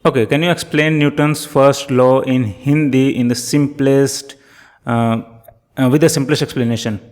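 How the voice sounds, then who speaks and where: A man's voice: medium pitch, fairly even intonation, moderate pace, a little mellow, long reverb tail. A man with an Indian accent, giving spoken commands to a voice app hesitantly, with fillers and self-corrections. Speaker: tech video host testing an app. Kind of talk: casual spoken prompts.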